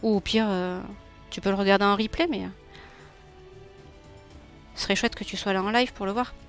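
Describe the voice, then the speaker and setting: A young woman from Nîmes with a southern French accent chats casually with her viewers while drawing on a live stream. Her mid-range voice keeps a fairly even intonation at a moderate pace, with faint music in the background. A streamer and illustrator, she's warm and talkative, laughs often, and reads the chat aloud.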